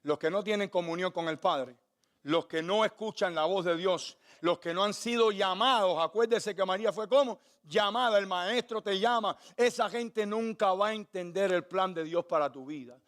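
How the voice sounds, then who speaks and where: A man preaching a sermon as pastor, swinging from loud high cries to hushed low tones and asking the congregation questions. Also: moderate pace. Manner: asks the congregation questions and urges them to answer aloud.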